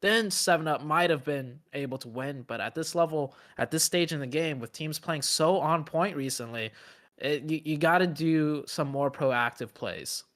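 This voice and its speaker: A man giving analytical esports commentary in an explanatory, measured way with some fillers. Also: fairly high pitch, fairly bright tone. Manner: explanatory, measured, uses fillers like you know.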